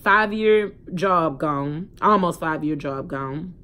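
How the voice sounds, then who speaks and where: A young woman, telling her personal story to a phone camera in a candid, emphatic way, swearing freely and swinging between loud outbursts and quiet reflection. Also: low-pitched, takes it slowly, smooth. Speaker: vlogger.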